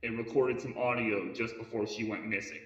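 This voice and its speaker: In a mock police briefing tape for an analog horror story, a male narrator reads a case file from a script, halting and sometimes tripping over words. His voice is lowish with fairly even intonation. Muffled lo-fi tape sound and roomy echo fill the recording.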